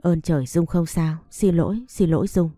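A woman reading the lines of a calm, firm young male noble in a measured, gentle way. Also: on the low side, dry recording, natural voice. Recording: dry close recording, faint music behind.

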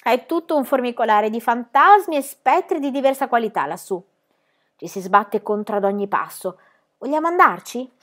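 A woman voicing a bold, cheerful young girl who tells tall tales, in a loud, high-spirited, boastful manner. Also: animated, normal speed.

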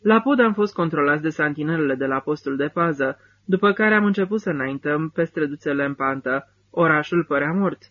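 A man reading a first-person literary novel as an audiobook narrator, with measured, steady phrasing. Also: on the high side, highs cut off.

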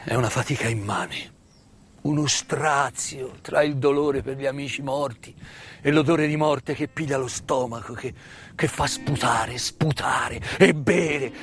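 A male stage storyteller, fairly high in pitch, gives a grave, dramatic narrative monologue against live musical accompaniment. He leans on repetition and weighty silences.

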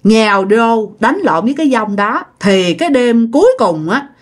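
A woman's voice: fairly high pitch, animated, moderate pace. A woman with a Southern Vietnamese accent telling a ghost story in a chatty, casual way, addressing her listeners directly.

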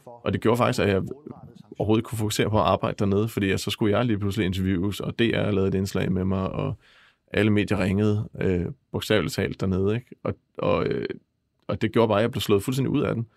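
A man working as a press photographer, retelling events in a halting, vivid way during an interview. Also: on the low side, level tone, creaky, darkish tone, no room sound. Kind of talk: interview storytelling.

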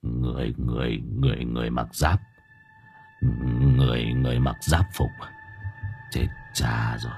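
A man voicing a fretful old village sorcerer, a gruff father, in a low, muttering voice. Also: lively intonation, normal speed, pauses often, faint music behind. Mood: stunned.

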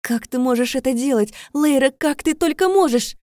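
A woman voicing a taunting young woman who accuses her friend, speaking high, loud and sharp. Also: extremely slow, no echo, studio quality. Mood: accusing.

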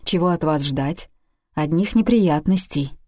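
Woman voicing an older mother, bitter, reproachful, curt, lowish voice, dry sound. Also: a little slow, dark tone, no echo. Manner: curt and reproachful, then sobbing laments.

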